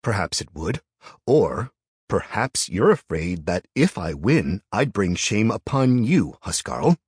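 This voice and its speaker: A man voicing a determined, defiant young male commoner who speaks firmly and loudly. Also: deep voice, expressive, fairly quick, breathy edge, no echo, clean studio sound, heavily acted. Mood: steely. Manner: firm, defiant.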